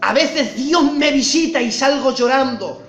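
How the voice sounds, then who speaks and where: A man preaching a sermon with passion, swinging from loud cries to hushed tones. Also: very high-pitched, a little slow, roomy sound, faint music behind.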